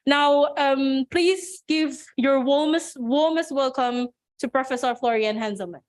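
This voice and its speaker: High-voiced female moderator on a video call; upbeat, encouraging intro with occasional ums. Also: unhurried. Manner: enthusiastic, encouraging, with fillers. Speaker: seminar moderator. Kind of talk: formal introduction of a speaker.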